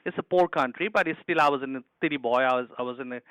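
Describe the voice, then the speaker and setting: A man's voice: medium pitch, very fast, clean tone, dry recording, dull audio. A middle-aged man from Bangladesh, an executive chef answering interview questions earnestly, with frequent restarts and broken grammar.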